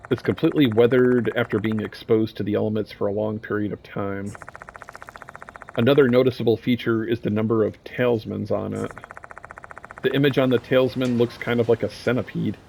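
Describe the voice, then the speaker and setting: A man's voice: mid-range voice, fairly even intonation, normal speed, creaky, darkish tone, a little hiss or hum. A young man casually playing a horror game, reading its text aloud and joking with slang between lines. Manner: casual, joking, says "dude" and "bro". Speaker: gameplay streamer.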